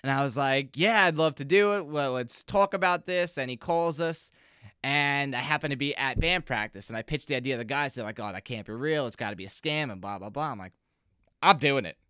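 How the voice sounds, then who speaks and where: A young man with a bright, ringing voice talks casually into a close podcast mic and tells stories about his gigs. His tone is smooth and clear. He slips into little quoted voices of the people he describes, and the sound is dry with no room around it. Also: medium pitch, a little fast, no echo. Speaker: musician guest. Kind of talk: casual interview storytelling. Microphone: close podcast microphone.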